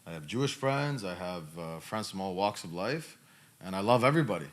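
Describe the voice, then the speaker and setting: An animated, brisk podcast host in his thirties speaks in a low-pitched voice as he answers questions. He keeps it conversational, emphatic and full of repetition.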